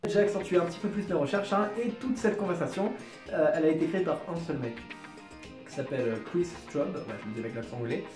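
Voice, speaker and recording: A man rattles through comedic video commentary at a fast clip in a high voice, teasing his subject and himself. He was recorded without a proper microphone, so the voice sounds roomy and echoey, with faint music underneath. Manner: joking, mocking, self-deprecating. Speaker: YouTube host. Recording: roomy echo, no proper mic.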